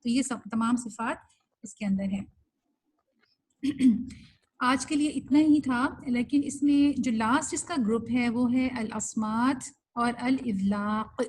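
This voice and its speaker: A woman's voice: fairly high pitch, darkish tone, husky, rough recording. A woman teaching an online recitation class, explaining things patiently and mixing English terms into her speech.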